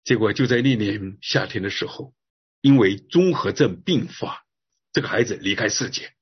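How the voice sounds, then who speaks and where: Husky-voiced preacher man, earnest and slow. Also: fairly low pitch, highs cut off. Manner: earnest storytelling preacher, drawn-out phrases with filler "哈". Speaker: pastor. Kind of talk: sermon.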